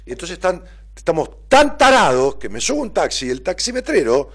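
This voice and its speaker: A man's voice: fairly high pitch, a little fast, slightly rough. A man with a Rioplatense Argentine accent, a therapist talking bluntly and profanely as he reads out messages and tells stories. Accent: Rioplatense Spanish. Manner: blunt, profane, animated storytelling. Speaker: psychotherapist and host reading viewer messages. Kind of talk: casual live-stream talk.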